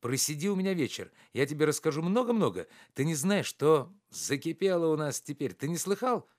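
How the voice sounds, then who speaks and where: Devoted, urgent friend, read by a man: raised pitch, quick, insistent, for a storybook reading. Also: very animated. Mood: urging. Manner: raised, fast, insistent pleading.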